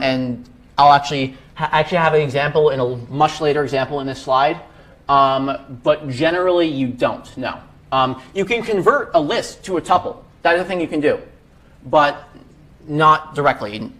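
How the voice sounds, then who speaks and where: A young man with a high voice leads a casual live coding lesson in a classroom. He talks loosely, stacking fillers and restarting his sentences as he goes. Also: moderate pace, a bit bright. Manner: casual, many fillers and self-corrections. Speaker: workshop instructor.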